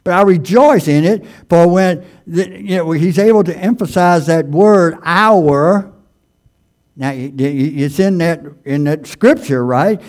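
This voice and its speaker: A man's voice: fairly high pitch, darkish tone. Man preaching a stammering, emphatic sermon. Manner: stammering, with many restarts and fillers; reads scripture slowly and emphatically.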